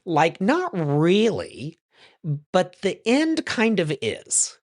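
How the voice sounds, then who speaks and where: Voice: mid-range voice, huge pitch swings, very slow. Rabbi, casual teaching talk, rambling, self-correcting, joke-telling. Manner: loose and chatty, many ums and self-corrections; tells jokes and explains them.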